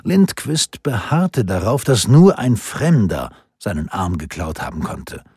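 A man reading a novel aloud as an audiobook narrator, with an expressive, varied storytelling delivery. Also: fairly low pitch, a little slow, husky, dry recording, studio quality.

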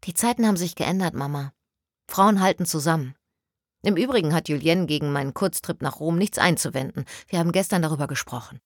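A woman voicing a confident, brisk businesswoman who chairs her own company. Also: low voice, no echo, studio quality. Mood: breezy. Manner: brisk, upbeat and self-assured.

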